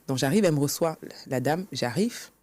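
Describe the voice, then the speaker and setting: Fast-talking woman telling her story. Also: low voice, lively intonation, a little mellow, dry recording. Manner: earnest, acts out past dialogue. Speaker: guest author. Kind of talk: personal storytelling in interview. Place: podcast studio set.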